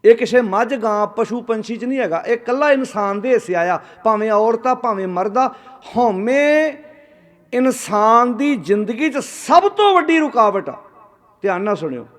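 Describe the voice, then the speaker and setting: A man's voice: very high-pitched, lively intonation, moderate pace, a bit bright. A man giving a Sikh sermon, asking rhetorical questions and calling on the congregation to answer aloud. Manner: calls on the audience to answer aloud. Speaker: Sikh preacher.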